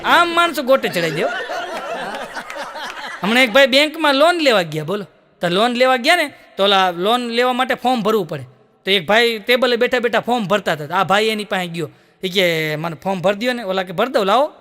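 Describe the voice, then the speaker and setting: A man's voice: sits high, animated, brisk, sharp tone. A man telling stage jokes, acting out the lines of each character and laughing between punchlines. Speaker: stand-up comedian. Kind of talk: Gujarati joke-telling stage show. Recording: long hall reverb.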